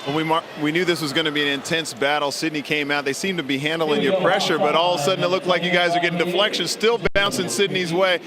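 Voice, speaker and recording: A man's voice: on the high side, steady tone, quick pace, hardly any pauses, over a noisy crowd. A man giving live basketball analysis and courtside questions in an emphatic, conversational way. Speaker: sports analyst and courtside interviewer. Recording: loud music behind, arena broadcast.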